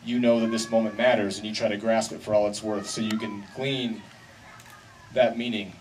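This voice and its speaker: A man delivering a best man's wedding speech in a wry, deliberate way with pauses for effect. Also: lowish voice, little pitch movement. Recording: distant mic, noisy live event ambience.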